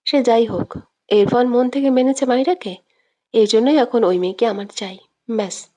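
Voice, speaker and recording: A woman's voice: fairly high pitch, normal speed, dark tone, close to an everyday voice. A woman voicing a smug, scheming young man who taunts his rival in a storybook reading. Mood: defiant.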